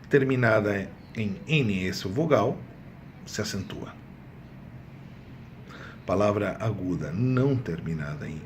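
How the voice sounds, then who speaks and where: Man, low voice, Spanish teacher, exam review lesson, repeats key words, faint background noise. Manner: repeats key words, drawn-out emphatic examples.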